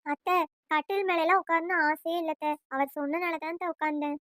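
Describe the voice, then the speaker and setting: A woman voicing a meek, pleading young daughter-in-law in a family cartoon, soft-spoken. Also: very high-pitched, steady tone, fast, no room sound, studio quality. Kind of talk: cartoon voice acting.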